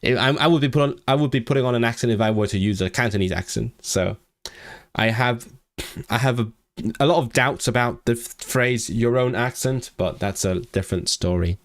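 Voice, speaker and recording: A man from Hong Kong with a vague non-southern English accent, chatting casually on a language-learning livestream as he reads out comments, rambling, restarting words and jumping up in pitch when excited. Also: brisk, no room sound, studio quality.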